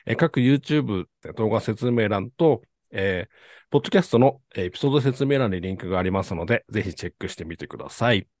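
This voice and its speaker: A man with a low voice presents a car podcast in very polite, formal language. His intonation is lively and varied. The sound is close and dry, with little room on it. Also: quick pace, no room sound. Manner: very polite, formal announcer-like phrasing. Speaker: podcast host.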